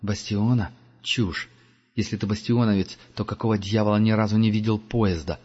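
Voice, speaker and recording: A man doing a tough, irritable hunter in an audiobook, curt and growling. The voice sits low and the recording sounds dull and lo-fi. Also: fairly even intonation, moderate pace, a little mellow, breathy edge, big-room sound. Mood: menacing. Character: gruff tough male hunter, irritable and menacing.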